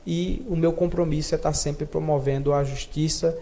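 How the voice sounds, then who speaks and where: Man from Brazil, city councilman, earnest and heartfelt, slightly high, warm mellow tone. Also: fairly even intonation, moderate pace. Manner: earnest, heartfelt, repeats phrases for emphasis. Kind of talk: interview answer.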